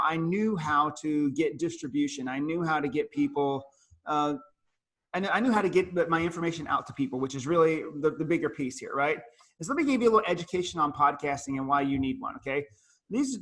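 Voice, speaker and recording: At a business luncheon, the featured speaker, a man with a fairly high-pitched voice, tells his story with lively animation. He acts out each line he quotes.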